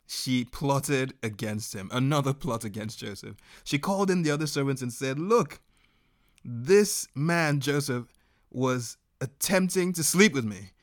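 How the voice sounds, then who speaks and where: A man preaching a sermon as a story, animated, laughing often and breaking into shouts. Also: mid-range voice.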